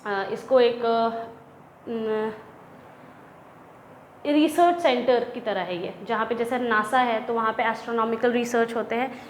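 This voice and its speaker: A young woman teaching an English lesson. She reads English lines slowly and deliberately, then explains them in Hindi. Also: on the high side. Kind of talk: classroom lesson explaining a textbook chapter. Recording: echoey room with faint ambient noise.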